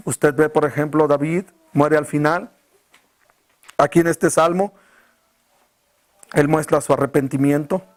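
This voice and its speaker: A male pastor preaching a sermon, firing off rhetorical questions at the congregation and dropping his voice low and quiet to stress key words. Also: fairly even intonation, unhurried, pauses often.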